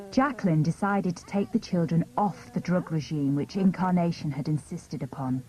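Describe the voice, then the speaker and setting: A woman narrating a documentary in a measured, even scripted delivery. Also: lowish voice, low-quality recording.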